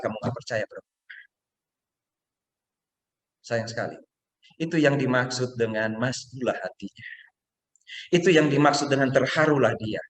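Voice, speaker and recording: Indonesian pastor guy preaching, animated storyteller, higher voice, roomy echo. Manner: animated storytelling, acts out quotes. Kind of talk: sermon. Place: church hall. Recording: echoey room.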